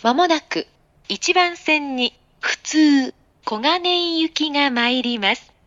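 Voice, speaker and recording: A woman's voice: sits high, a bit bright, highs cut off. A woman giving a recorded, polite train platform announcement, phrase by phrase. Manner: polite, phrase-by-phrase delivery with pauses. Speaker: station announcer.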